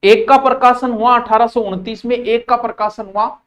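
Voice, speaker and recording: Rajasthani accent, high-voiced male teacher. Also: steady tone, normal speed, fairly bright tone. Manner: drills key terms by repetition, mixes in Rajasthani words. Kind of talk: live online exam-prep class.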